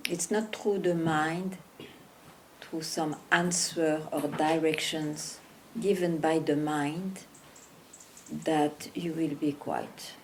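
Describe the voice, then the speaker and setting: Slow, gentle woman spiritual teacher. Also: sits low, fairly even intonation, slight background noise. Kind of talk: satsang talk.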